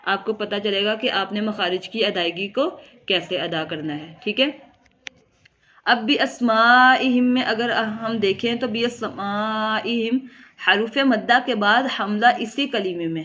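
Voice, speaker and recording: A woman teaching tajweed. She explains each rule step by step and recites words slowly and drawn out. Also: medium pitch, a bit bright, highs cut off. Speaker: Quran teacher. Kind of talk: tajweed lesson.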